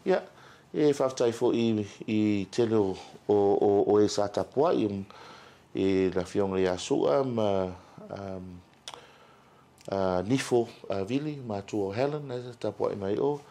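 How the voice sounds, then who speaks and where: A middle-aged man with a Samoan accent, talking casually as an interview guest, with frequent pauses and repeats. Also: on the low side, mellow. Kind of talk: casual interview talk, mixing Samoan and English. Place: indoor interview set.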